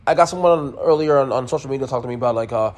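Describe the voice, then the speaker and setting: Racing through a casual sports podcast recap, a man hammers home blunt opinions, repeats his points, and swears mildly. His voice is medium-pitched with a darkish tone.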